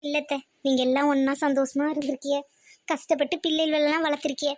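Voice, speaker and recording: A woman's voice: high voice, level tone, fast, close to an everyday voice. A woman voicing a defiant young daughter-in-law in a family cartoon, with a sarcastic, scolding manner. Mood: mocking. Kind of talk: cartoon voice acting.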